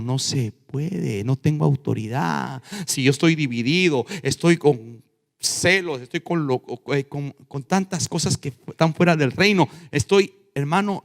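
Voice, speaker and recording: A male pastor preaching a sermon, swinging from loud emphatic lines down to hushed ones. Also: on the high side, gravelly. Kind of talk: Spanish-language sermon. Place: church. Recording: long church reverb.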